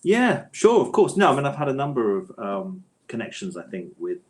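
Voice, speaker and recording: As an interview guest, a middle-aged writer of books and audio drama scripts answers conversationally, pausing to think and reworking his phrasing. His medium-pitched voice swings hugely in pitch at a moderate pace.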